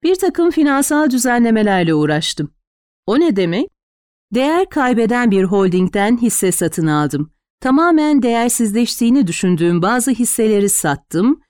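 A wealthy, wry man teases his partner with dry playfulness, voiced by a woman narrator. The delivery keeps a lively, rising-and-falling melody. It sounds close and dry, with no room around it. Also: a little high, no room sound. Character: wealthy teasing adult man, smooth and wry.

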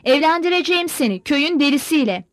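A woman's voice: sits high, lively intonation, fast, fairly bright tone, no room sound, studio quality. A woman reader voicing a raging, cursing old Cossack father who roars threats at his son. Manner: roaring, cursing.

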